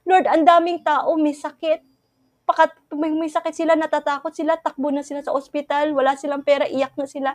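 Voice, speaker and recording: A woman with a high, bright voice shares a personal testimony sermon in an earnest, pleading way, acting out her own prayers. The sound is close and dry, with no room around it. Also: flat delivery, a little fast, no echo. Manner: earnest, prays aloud in quoted pleas. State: tearful at moments. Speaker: preacher.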